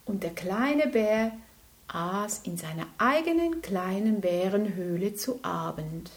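A woman reading a bedtime story aloud in a gentle, unhurried way. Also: mid-range voice, lively intonation.

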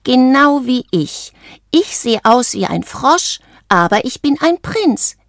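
A woman reading a storybook aloud, voicing an anxious, earnest male frog who insists he is a prince, with an excited, emphatic manner. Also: slow pace, no echo, studio quality, exaggerated voice. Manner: high, excited and emphatic, keeps saying "honestly".

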